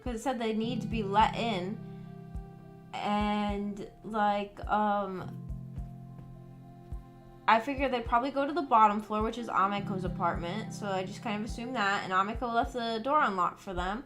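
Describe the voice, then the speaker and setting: A woman hosting a livestream from her bedroom at home chats informally with viewers, giggly and self-conscious as she rambles. She speaks at medium pitch and normal speed over background music.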